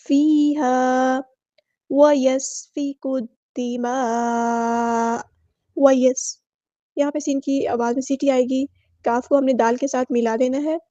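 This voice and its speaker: Woman tajweed teacher with a Pakistani Urdu accent, high and level, mellow tone, slow chanted words between quick explanations. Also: no echo, lo-fi sound. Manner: slow drawn-out recitation alternating with brisk explanation. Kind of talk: word-by-word recitation lesson.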